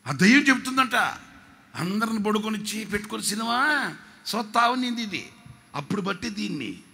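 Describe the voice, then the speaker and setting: A man preaching at a whole-night prayer service, shouting to the congregation, then dropping low to tell joking stories. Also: lively intonation, fairly quick, slightly rough. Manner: shouting, urging the crowd to clap and say amen; drops to a low, joking storytelling tone. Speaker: pastor.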